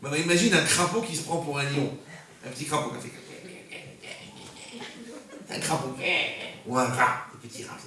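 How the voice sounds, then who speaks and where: A man's voice: on the high side, normal speed, long pauses, bright, forceful tone, far from the mic. A male rabbi giving a humorous sermon to a congregation, joking and firing rhetorical questions at his listeners. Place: community center hall. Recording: echoey hall recorded from afar, faint noise.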